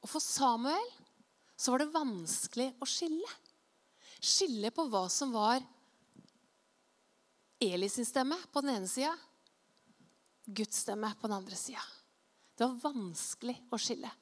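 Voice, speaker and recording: A woman preacher giving a sermon, telling an anecdote and reading scripture aloud in a lively storytelling manner, acting out quoted voices. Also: fairly high pitch, long pauses, in a large hall.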